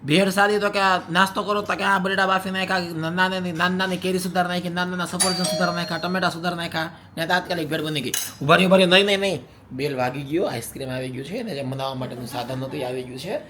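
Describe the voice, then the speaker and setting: Teasing young husband vlogging at home. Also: male voice, high-pitched, fairly even intonation, fast talker, few pauses, noisy background. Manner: teasing, playful, laughs often. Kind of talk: casual vlog chat to viewers.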